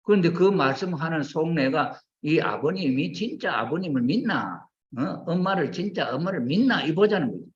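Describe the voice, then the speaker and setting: A man's voice: a little high, lively intonation, moderate pace. An older man preaching a sermon, questioning his listeners and acting out quoted voices as he goes. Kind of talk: sermon to a congregation. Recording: roomy, dull lo-fi recording.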